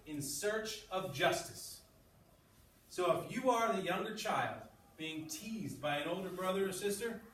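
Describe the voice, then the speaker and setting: Slightly bright and high in pitch, this male sixth-grade English teacher reads a text to his class and explains it as he goes, checking in with quick questions. He's recorded from some distance, so the room echoes and background noise comes through.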